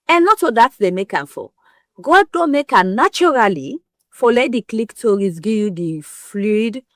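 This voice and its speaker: This interview guest discussing women's health is a woman whose medium-pitched voice carries a West African Pidgin English accent. Her frank, emphatic explanations lean on everyday comparisons, captured in studio quality without room sound.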